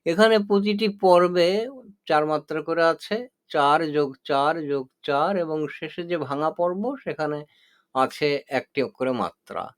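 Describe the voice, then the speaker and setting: Brief: male poetry teacher, unhurried and deliberate, slightly high voice. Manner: slow, measured, deliberate delivery with pauses and fillers. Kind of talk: explanatory lesson with recited verse.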